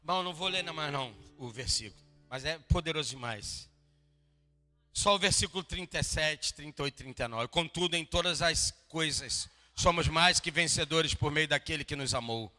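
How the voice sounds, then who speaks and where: A male pastor from Rio de Janeiro preaching to his congregation, swinging between quiet asides and loud emphatic lines and joking with the people. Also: a little high, normal speed. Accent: Brazilian Portuguese, Rio de Janeiro. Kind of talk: sermon. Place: church hall. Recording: long hall reverb, faint guitar behind.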